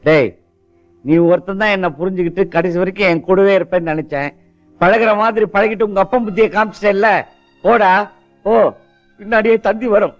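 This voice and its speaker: A man playing a stubborn, high-voiced old grandfather. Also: steady tone, a little fast, pauses often, close to an everyday voice. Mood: hurt. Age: older. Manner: scolding, pleading colloquial speech. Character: stubborn, proud, tender-hearted old grandfather. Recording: muffled film audio with music.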